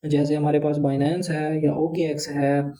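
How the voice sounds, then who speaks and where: Flat, dark-toned man explaining. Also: on the high side, unhurried, poor audio. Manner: rambling, leans heavily on filler phrases. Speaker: crypto channel host. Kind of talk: casual explainer walkthrough.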